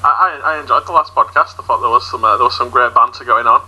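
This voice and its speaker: A man with a broad Yorkshire accent and a husky voice, chatting casually as a podcast guest. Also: mid-range voice, fast talker, sharp tone, rough recording. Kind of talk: casual group podcast chat.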